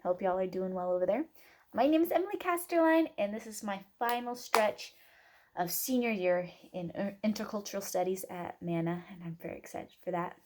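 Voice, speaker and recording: A woman's voice: mid-range voice, expressive, a little fast, darkish tone. A woman in her twenties from Oregon, introducing herself as a student in a casual, rambling way with many fillers. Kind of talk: casual self-introduction video.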